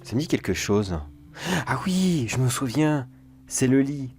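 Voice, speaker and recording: A man's voice: mid-range voice, lively intonation, measured pace, darkish tone, breathy edge, soft background music. A man playing a casual, self-assured security major in a horror audio drama, musing aloud and talking to himself. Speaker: security agent.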